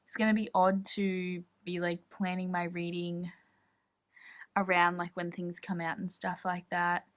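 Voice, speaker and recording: A woman's voice: lowish voice, level tone, measured pace, a bit bright. A young woman from Australia, chatting casually in a reading vlog and gushing with lots of fillers. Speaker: book vlogger.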